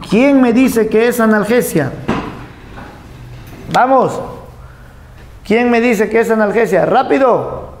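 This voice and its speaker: In a lively class lecture, a man teaches anatomy playfully, joking, quizzing his students and acting out cries and gasps. His voice is very high-pitched and slow with long pauses, in a reverberant recording with a little hiss or hum.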